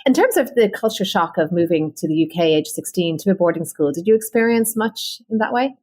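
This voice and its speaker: Lower-voiced woman hosting a podcast. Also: animated. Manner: warm and measured, reading sponsor copy and asking questions. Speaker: podcast host. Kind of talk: host intro and interview questions.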